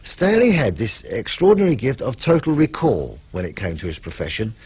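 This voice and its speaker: A man's voice: medium pitch, wildly swooping pitch, a little fast, a little mellow, breathy edge, no echo. A man presenting a radio tribute with scripted narration.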